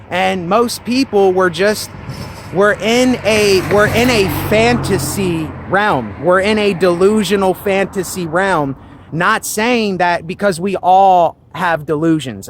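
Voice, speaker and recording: A man with a fairly high voice gives an earnest, preachy talk to his viewers. He speaks slowly and deliberately and keeps repeating his phrases for emphasis. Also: a bit bright. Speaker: channel host. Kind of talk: casual monologue to camera.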